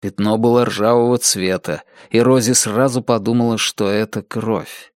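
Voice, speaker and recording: A man reading a novel aloud as an audiobook narrator, in a measured, deliberate way. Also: lowish voice, steady tone, darkish tone, dry recording, clean studio sound. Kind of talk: scripted narration.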